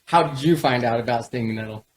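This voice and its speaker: Host: man with a mid-range voice, relaxed, encouraging, keeps cutting in with short agreements. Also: mid-range voice, quick pace, a little hiss or hum. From Southern California. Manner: encouraging, with frequent short backchannels. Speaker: podcast host. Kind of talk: casual interview chat.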